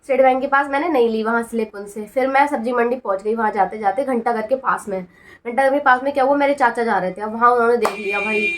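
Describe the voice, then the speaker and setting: A young woman in her twenties telling a personal story in a casual, animated way, laughing often and acting out what people said. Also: fairly high pitch, quick pace, slight background noise. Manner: animated, laughing often, acts out quoted lines. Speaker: vlogger.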